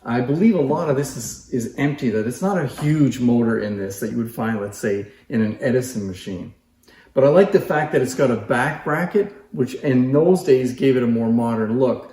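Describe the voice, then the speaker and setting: A man with a medium-pitched, dark-toned voice presents antique phonographs in an informal, explanatory demonstration. He talks at a normal speed with lively intonation, and the room sounds echoey.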